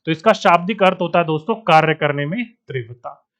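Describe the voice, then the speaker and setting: A man's voice: fairly high pitch, brisk, a bit bright. A man teaching an online exam-prep lesson, often asking a question and answering it himself. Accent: Bihari Hindi. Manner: addresses students as friends, asks and answers his own questions.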